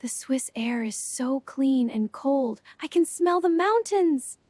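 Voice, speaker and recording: A woman playing an excited young tourist, narrating a beginner English lesson with very slow talking in short simple sentences. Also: high-pitched, dry recording. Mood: calm wonder.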